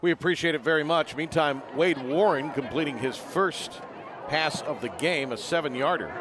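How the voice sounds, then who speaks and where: A man's voice: fairly high pitch, normal speed. A man calling American football live as the play-by-play announcer. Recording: loud crowd and stadium noise.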